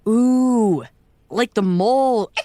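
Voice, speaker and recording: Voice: medium pitch, extremely slow, warm tone, no echo. An actor voicing a wisecracking teenage schoolboy who grumbles and jokes. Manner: whiny and joking.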